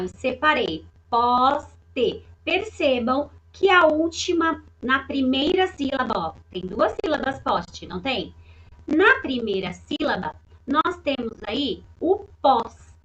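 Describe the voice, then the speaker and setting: A woman teacher speaks in a high, bright voice, slowly and deliberately, to a class of young children in a recorded online lesson. She repeats words patiently and keeps checking that the children follow. The sound is muffled and lo-fi, like a simple home computer mic. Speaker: primary school teacher.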